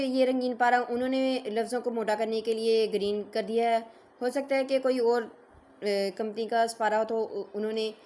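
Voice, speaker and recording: A woman's voice: a little high, darkish tone. A woman teaching Quran reading, patiently explaining and stretching out syllables for learners to repeat. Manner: patient, drawn-out syllables for repetition. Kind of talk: slow lesson, reading letters aloud.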